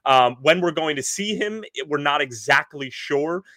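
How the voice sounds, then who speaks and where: A man co-hosting a casual sports podcast, recording from inside a clothes closet at home and breaking down the news with quick energy. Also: a little high, expressive, pushed and bright, dry recording. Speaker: podcast co-host. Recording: dry, deadened closet sound.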